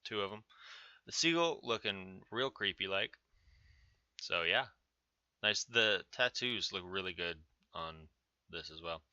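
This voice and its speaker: A man's voice: low voice, lively intonation, a little slow, pauses often, sharp tone, clean tone, no echo. A man giving informal, offhand commentary on game patch notes as a video host. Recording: dull, narrow-band sound.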